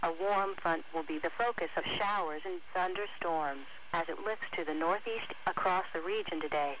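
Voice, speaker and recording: Noisy weather radio captures a synthetic woman's voice reading a scripted bulletin in the role of an automated announcer. The voice is on the low side with a fairly bright tone and a moderate pace.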